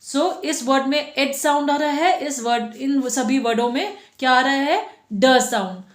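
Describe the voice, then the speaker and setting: A woman's voice: sits high, animated, unhurried, roomy sound. A woman teaching a phonics lesson to children, patiently sounding out letters one by one and asking the class questions.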